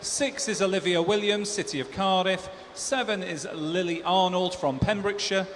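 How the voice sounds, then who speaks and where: A man's voice: high voice, normal speed, a bit bright. A man working as a swim meet announcer, reading out formal race announcements over a public address system. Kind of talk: formal race announcing, listing lanes, names and results. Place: large indoor swimming pool hall. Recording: echoey hall PA, clear background noise.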